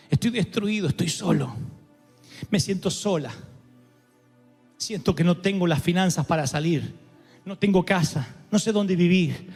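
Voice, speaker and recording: A man preaching a sermon to his congregation, impassioned, swinging between shouted cries and hushed tones. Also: fairly high pitch. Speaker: pastor. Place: church before a congregation. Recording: long hall reverb with faint music.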